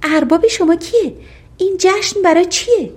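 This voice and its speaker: Woman doing a candid young princess, high-pitched and questioning, storybook tone. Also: a little mellow. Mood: frank. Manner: frank, questioning.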